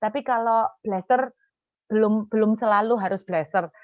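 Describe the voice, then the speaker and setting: Animated woman pastor telling a story. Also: medium pitch, moderate pace, no echo, muffled recording. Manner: animated storytelling, acts out quoted voices. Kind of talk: sermon with personal story.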